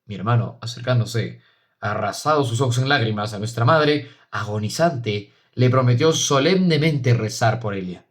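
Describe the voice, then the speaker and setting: A man narrating a literary audiobook in a measured, solemn, expressive reading. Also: medium pitch.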